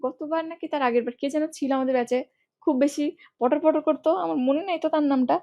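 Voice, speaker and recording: A woman's voice: high voice, fairly even intonation, fast, mellow. A young woman teaching an English spelling class in a chatty, playful way, quizzing students and using mnemonics.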